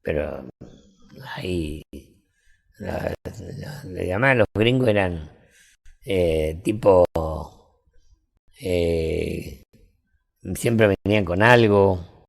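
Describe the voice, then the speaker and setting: An older man with an Argentine accent, telling folksy anecdotes in a relaxed interview chat. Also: deep voice, extremely slow, vocal fry, long pauses. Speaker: storyteller.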